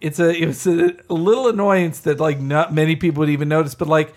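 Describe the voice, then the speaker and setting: A man with a high voice chats casually as a podcast panelist. He is opinionated and picks at details. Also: fairly even intonation, brisk. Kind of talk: casual chat.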